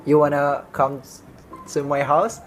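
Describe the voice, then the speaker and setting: Over a video call, a man from Indonesia who hosts and sings to strangers teases them lightheartedly and laughs at his own jokes. His slightly high voice holds a level tone at a measured pace, with faint music in the background.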